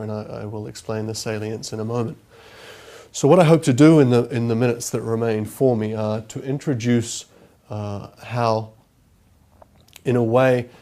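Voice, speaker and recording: A man from New Zealand with a broad Kiwi accent gives a formal academic lecture while speaking through a heavy cold, in measured, halting long sentences. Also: mid-range voice, creaky, mellow. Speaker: guest lecturer.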